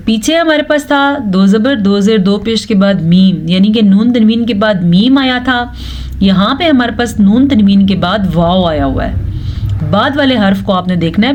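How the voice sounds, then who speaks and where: A woman's voice: medium pitch, darkish tone, slight background noise. A woman teaching Quran recitation rules step by step, explaining patiently and correcting common mistakes. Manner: explains rules patiently, then recites verses slowly and drawn out.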